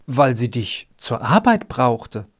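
A male storyteller voicing a pious little farm girl who speaks earnestly and gently. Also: mid-range voice, sing-song, takes it slowly. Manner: earnest, softly persuasive.

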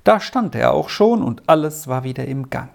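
A reader narrating a storybook in a measured, steady way. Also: mid-range voice, gravelly. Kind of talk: storybook reading.

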